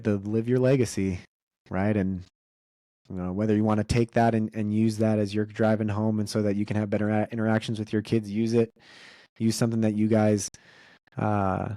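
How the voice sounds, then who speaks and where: A man's voice: fairly low pitch, mellow, no echo, clean studio sound. A man co-hosting a podcast with his father, talking casually, rambling with restarts and fillers. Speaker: podcast co-host.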